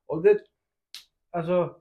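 Higher-voiced man agreeing in chat. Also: phone-quality sound. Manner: agrees with short "ja" and "mm", retells stories. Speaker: podcast co-host. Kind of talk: casual podcast chat.

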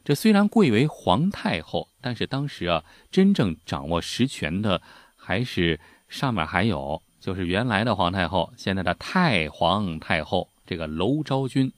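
Deep, lively male history storyteller. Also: measured pace, no echo, studio quality. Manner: folksy, chatty, lots of filler particles. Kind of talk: casual spoken history storytelling.

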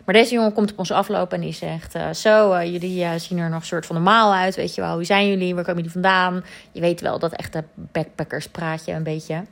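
A woman's voice: on the low side, fairly even intonation, fairly quick, creaky. Woman, 30s, casual anecdote, chatty, lots of fillers, mixes in English words. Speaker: storyteller.

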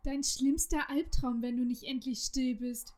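A curt, threatening teenage boy, read by a woman for a storybook reading. The voice sits high for the part and snaps out short, menacing lines. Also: steady tone, unhurried, a little mellow. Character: hostile angry teenage boy.

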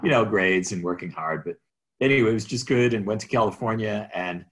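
This middle-aged man from Minnesota, USA, who grew up speaking Greek, has a lowish voice and a brisk pace. He's a guest in a casual interview, rambling along with restarts and chuckling as he tells stories.

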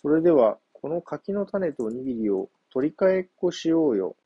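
A man's voice: fairly high pitch, very animated, moderate pace, slightly rough, no room sound, highs cut off, voice pushed up. A man voicing a hungry, sly young male monkey in a children's story, whiny and boastful.

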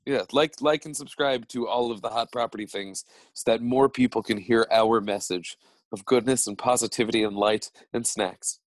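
Male podcast co-host, mid pitch, dry sound, casual and earnest, trips over restarts. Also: normal speed, dry recording. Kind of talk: casual chat.

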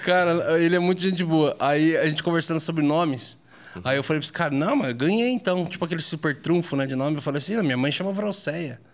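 A man's voice: a little high, fast. A man in a casual chat, telling funny anecdotes with a laugh and imitating the voices of the people he quotes.

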